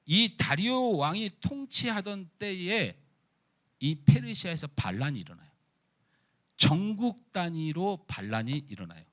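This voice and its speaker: A man preaching from the pulpit, his voice a little higher than most men's. His pitch swings widely as he moves through the sermon. He keeps firing questions at the congregation and teasing them. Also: measured pace. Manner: lively, animated preaching. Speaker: pastor. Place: church.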